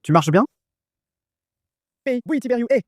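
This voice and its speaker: Casting: man with a high, very lively voice for casual banter, given to insistent repeated commands. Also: a little slow, no room sound, clean studio sound. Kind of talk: casual banter among friends.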